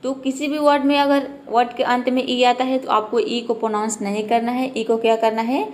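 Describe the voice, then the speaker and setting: A woman's voice: fairly high pitch, flat delivery, moderate pace, a little mellow. A woman teaching an English pronunciation lesson step by step, asking and answering her own questions.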